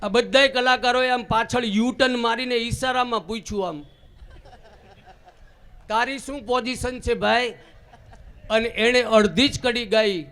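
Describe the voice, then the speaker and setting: A man telling jokes on stage, a lively storyteller who now and then breaks into drawn-out singing. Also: extremely high pitch. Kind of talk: live Gujarati folk comedy storytelling.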